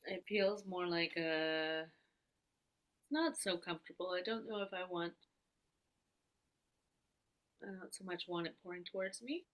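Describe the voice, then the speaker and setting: A woman client in an art therapy session, describing her feelings haltingly and searching for words. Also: on the low side, steady tone.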